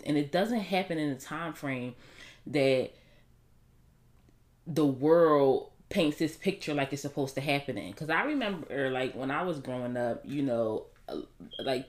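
A woman in her thirties talking casually and bluntly to her viewers, slangy and opinionated. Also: sits low. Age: 30s. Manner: blunt, opinionated, slangy, animated when making a point. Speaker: vlogger. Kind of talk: casual monologue to camera.

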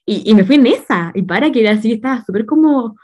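A woman's voice: fairly high pitch, animated, quick pace, darkish tone, husky. A woman with a Chilean accent chatting casually, telling stories in a slangy, laughing way. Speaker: podcast co-host. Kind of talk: casual chat.

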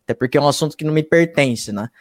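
A man, himself host of a YouTube reaction channel, tells his story as a guest in a casual interview, talking at a racing pace in a fairly high voice. He is slangy and emphatic, swears freely, and keeps checking in with "tá ligado?", all in clean, echo-free studio sound.

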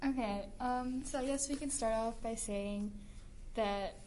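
A woman's voice: a little high, unhurried, a little mellow, slight background noise. Chatty teenage girl co-host, filler-heavy. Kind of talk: casual chat.

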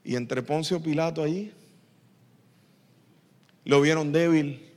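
A man preaching a sermon, telling stories and acting out the shouts of a crowd. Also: on the high side, takes it slowly. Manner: animated storytelling, acts out crowd shouts. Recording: long reverb of a large hall.

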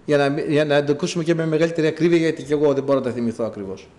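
A man preaching a sermon, telling stories and addressing the congregation directly in an animated way. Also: a little high. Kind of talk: sermon with storytelling.

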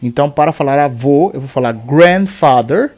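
A man with a Brazilian Portuguese accent teaching English vocabulary, slowly repeating each word for the learner to echo. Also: medium pitch, lively intonation, darkish tone. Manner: slow, deliberate drilling of words and phrases. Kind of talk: language lesson with repeat-after-me drills.

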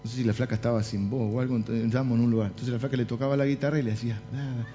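A man's voice: mid-range voice, racing, a little hiss or hum. A middle-aged man with a Rioplatense Spanish accent, preaching in a church and telling humorous stories with jokes and asides. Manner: animated storytelling with jokes and asides. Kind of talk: humorous sermon anecdotes. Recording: dull lo-fi sound with faint music.

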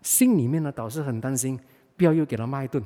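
A man's voice: medium pitch, quick pace, warm tone. A man with a Malaysian Mandarin accent preaching a sermon, telling a story in a conversational way and often repeating and restarting his words. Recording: reverberant hall.

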